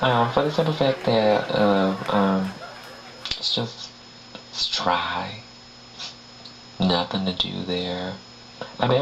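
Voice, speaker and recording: A young man from Arkansas doing a crude, self-mocking stand-up set, rambling with fillers about his gravelly voice, on a small club stage. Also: deep voice, fairly bright tone. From Arkansas, US South. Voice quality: gravelly voice he calls ugly. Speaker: stand-up comedian. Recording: dull lo-fi recording with faint hum.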